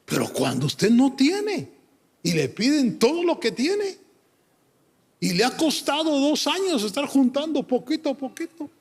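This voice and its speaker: A fervent male preacher delivers a sermon and then a prayer, often calling his listeners brother. His voice sits high for a man. A long reverb from a church hall trails behind every phrase. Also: very animated, a little slow, a little mellow.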